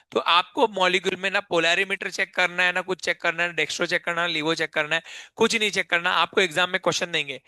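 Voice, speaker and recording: A man's voice: sits high, bright, forceful tone, clear, resonant tone, no room sound. A male chemistry teacher giving a live class lecture, keeps quizzing students and repeating key terms back as questions.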